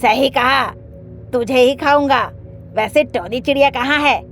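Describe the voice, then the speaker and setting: A woman's voice: sits high, unhurried, fairly bright tone, soft background music. A woman voicing a hungry, menacing male eagle in a cartoon, cold and threatening.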